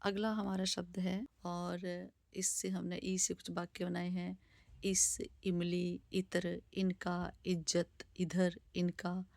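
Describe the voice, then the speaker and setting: Woman teacher reading out word lists slow n careful, low flat voice, dry close sound. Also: gravelly, no room sound. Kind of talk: slow spoken Hindi alphabet lesson.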